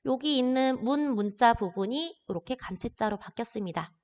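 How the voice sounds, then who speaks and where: Her voice is on the high side yet darkish in tone, with lively intonation and normal speed, as she teaches an introductory language lesson. She patiently takes learners through words step by step, in a dull lo-fi classroom recording with long reverb.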